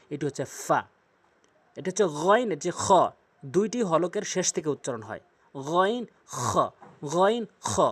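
A male Quran reading teacher, slowly teaching joined letters and repeating each letter name several times. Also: a little high. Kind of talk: slow instructional lesson, drilling letter sounds.

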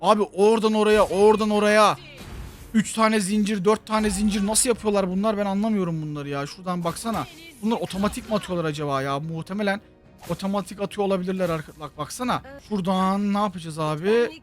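A man with a Turkish accent talks over his mobile game, high-voiced and excitable, breaking into loud shouts at the big moments. Faint music runs behind his voice. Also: fast talker. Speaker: gaming channel host.

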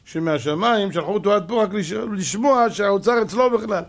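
Gravelly-voiced rabbi telling a story. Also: male voice, sits high. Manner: animated storyteller, drops to a hush for suspense. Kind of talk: storytelling sermon.

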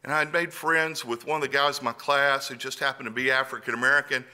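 A man's voice: mid-range voice, steady tone, quick pace, bright, forceful tone. A middle-aged man from Louisiana, preaching an earnest sermon that moves from personal storytelling to emphatic appeals.

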